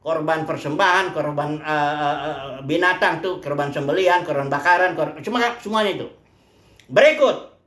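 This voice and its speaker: Lively woman preaching in an echoey hall. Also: lowish voice. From Indonesia. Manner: conversational, asks questions then answers them. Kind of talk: Bible teaching sermon. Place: place of worship.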